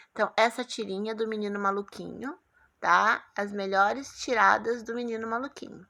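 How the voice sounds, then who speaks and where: A woman with a Brazilian Portuguese accent teaches a primary school class in a recorded remote lesson, checking in often with her pupils in a patient, coaxing way. Her voice is a little high, gravelly and bright, with a forceful tone.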